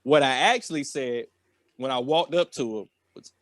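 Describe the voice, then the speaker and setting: An American man tells a personal story in a casual, rambling, comedic way, full of slang and tacked-on filler phrases. His voice is medium-pitched and moves at a normal speed, captured in a dry, studio-quality recording.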